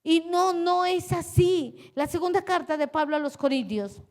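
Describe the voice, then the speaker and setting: A woman pastor delivers a sermon in a high voice. She preaches earnestly, repeating her key phrases and turning to ask her listeners direct questions. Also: moderate pace, a little mellow.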